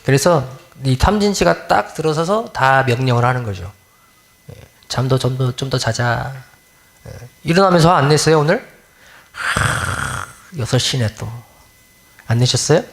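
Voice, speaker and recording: A middle-aged man preaching a relaxed, conversational dharma talk. He keeps asking his listeners questions and acts out small everyday complaints. His pitch moves a lot, rising and falling through each phrase. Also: normal speed, creaky. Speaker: Won-Buddhist minister.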